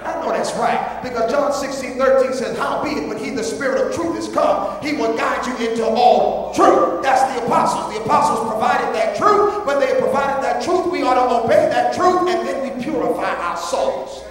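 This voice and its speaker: A man preaching a sermon, prompting a scripture reader and rising into shouted, sing-song emphasis. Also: extremely high pitch, animated, normal speed, few pauses. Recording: echoey hall from far off.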